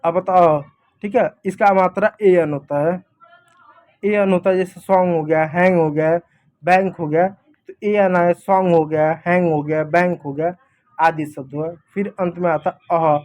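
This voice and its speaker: A man's voice: high-pitched, steady tone, moderate pace, darkish tone. A man teaching a simple lesson in a casual classroom manner, explaining step by step and checking in with "thik hai" often.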